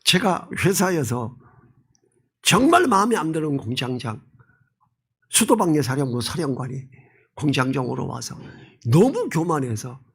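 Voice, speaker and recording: Male pastor, expository sermon, talks like he's chatting, gravelly in spots, slightly high voice. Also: measured pace, long pauses. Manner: animated, personal storytelling; colloquial, conversational preaching.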